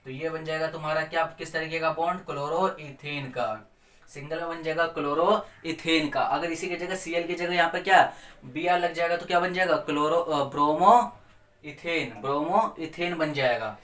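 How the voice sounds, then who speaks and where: Echoey, playful Hindi chemistry teacher. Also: male voice, a little high, moderate pace, a bit bright. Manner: playful, asks and answers his own questions. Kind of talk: chemistry revision lesson. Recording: echoey room, mic at a distance.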